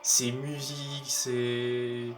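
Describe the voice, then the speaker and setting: Speaking extremely slowly, a young man provides let's-play commentary on a racing game for his YouTube channel. He's playful and easily excited, taunts the competing drivers, and yelps shrilly when things go badly, with game music faintly audible.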